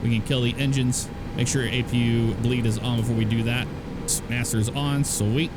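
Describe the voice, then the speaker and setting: A man's voice: medium pitch, steady tone, normal speed, heavy background noise. A man giving casual, informal commentary on flight simulator gameplay, addressing his viewers directly.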